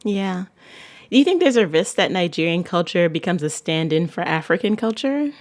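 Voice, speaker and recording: A woman's voice: lowish voice, sing-song, moderate pace. A woman from Barbados hosting a radio podcast, asking questions conversationally and reading upbeat scripted intros. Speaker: guest host.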